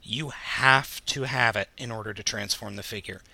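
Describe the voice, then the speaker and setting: A man's voice: on the low side, normal speed, vocal fry, pushed and bright, dry recording, poor audio. An American man co-hosting a casual podcast chat, talking in a slangy, emphatic, jokey way. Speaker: podcast co-host. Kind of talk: casual chat about toy news.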